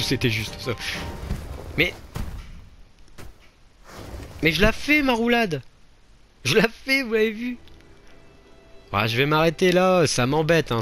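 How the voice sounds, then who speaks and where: A man commenting on his own gameplay in a casual, self-mocking way, laughing and groaning as he fails and retries. His voice sits at an ordinary middle pitch, with soft game music playing faintly underneath. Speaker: let's play host.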